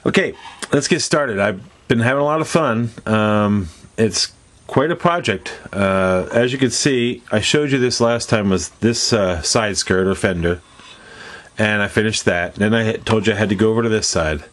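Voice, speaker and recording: Stuffed-up, low-voiced man at a workbench. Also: moderate pace. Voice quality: stuffed-up, nasal. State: congested from allergies. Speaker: host of a model-building tutorial. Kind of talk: casual hands-on demonstration. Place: indoors at a hobby workbench.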